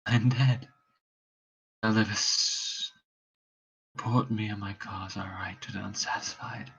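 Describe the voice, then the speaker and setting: A man playing a dying, anguished Danish prince in a verse drama, with a faint, halting deathbed delivery. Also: lowish voice, level tone, fairly bright tone. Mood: fading, resigned. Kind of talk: amateur read-through of Shakespeare verse drama. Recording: dull, lo-fi, faint noise.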